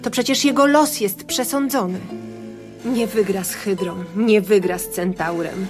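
An actress playing a foreboding woman of the chorus, speaking gravely and insistently in a radio drama. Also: medium pitch, unhurried, music in the background, lightly acted.

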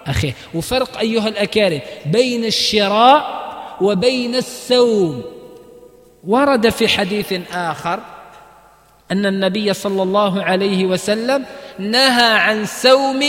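High-voiced sheikh in echoey hall. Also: male voice, a bit bright. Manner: explains with everyday market examples in dialect. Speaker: sheikh teaching hadith. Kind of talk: religious lesson. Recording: echoey hall with long reverb.

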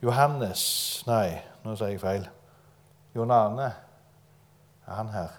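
A man giving an informal, conversational sermon to a gathered church congregation, mixing personal stories with light humor. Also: lowish voice. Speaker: preacher. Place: church gathering before a live audience.

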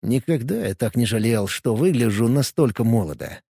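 A man narrating a fantasy novel in first person with lively storytelling. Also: medium pitch, normal speed, creaky, husky, dry recording, clean studio sound. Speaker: audiobook narrator.

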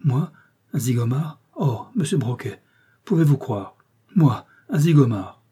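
A man's voice: mid-range voice, moderate pace, dark tone, slightly rough, natural voice. A man reading a naive, chattering loyal fellow. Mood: indignant. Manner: eager, chattering, easily alarmed. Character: naive, talkative, loyal working-class man. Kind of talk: audiobook character reading.

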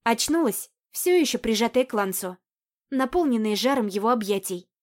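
A woman narrating a first-person romance audiobook in an intimate, even, unhurried reading. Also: a little high. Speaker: audiobook reader.

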